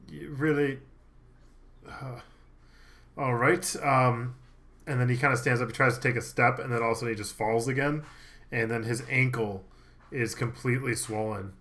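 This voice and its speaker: A man guides the players through a tabletop adventure, relaxed and chatty. His voice sits at an ordinary middle pitch, and he keeps breaking into laughter between descriptions. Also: brisk. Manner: easygoing, laughs often, many fillers. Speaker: game master. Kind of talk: narrating a tabletop game.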